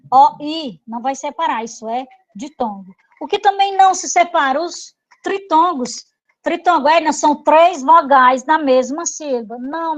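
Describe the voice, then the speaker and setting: A woman's voice: high-pitched, rough recording. A woman with a Brazilian Portuguese accent teaching an online grammar review, explaining patiently with repeated examples and checking in with her students.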